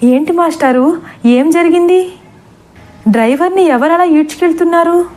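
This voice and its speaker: A woman's voice: very high voice, moderate pace, darkish tone, voice pushed up. A woman voicing a frightened female schoolteacher who asks tearful, fearful questions.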